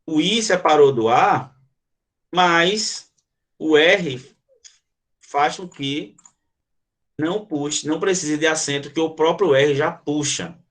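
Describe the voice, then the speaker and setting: A man's voice: fairly high pitch, slow, pauses often, fairly bright tone. A Brazilian man teaching an online grammar lesson, explaining step by step and asking the class questions. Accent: Brazilian Portuguese.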